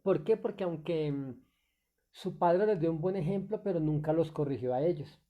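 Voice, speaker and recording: A man's voice: a little high, moderate pace, narrow, tinny audio. A male pastor preaching a sermon off the cuff, full of fillers, restarts and rhetorical questions.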